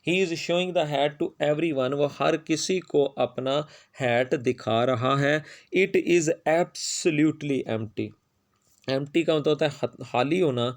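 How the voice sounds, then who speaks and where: Slow, gravelly-voiced male teacher. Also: on the high side. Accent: Pakistani Urdu. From Pakistan. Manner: reads English slowly line by line, then translates and explains quickly. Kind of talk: classroom reading and translation lesson.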